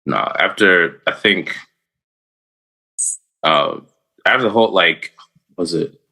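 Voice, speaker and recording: A man's voice: deep voice, slow pace, pushed and bright, breathy edge. A man co-hosting a podcast in casual chat, laid-back, telling stories with voiced asides. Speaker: podcast co-host.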